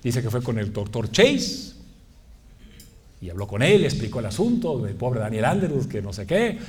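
A man's voice: mid-range voice, moderate pace. A man preaching to a congregation, telling a funny personal story with lots of laughter. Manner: animated, joking, often laughing at himself. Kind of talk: humorous sermon storytelling.

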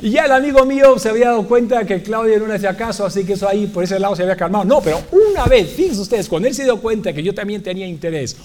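Lively, joking male preacher. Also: high-pitched, rapid-fire, hardly any pauses. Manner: animated, joking, often laughing at himself. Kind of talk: humorous sermon storytelling.

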